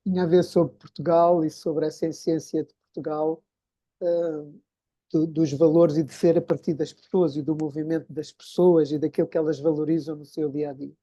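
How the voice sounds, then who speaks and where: A male interviewer speaks in a calm, level way as he steers his guest back to the subject. His voice is quite dark and mellow, sits a little high for a man, and barely moves in pitch. The recording is dry and close. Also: moderate pace, no room sound. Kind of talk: interview prompt.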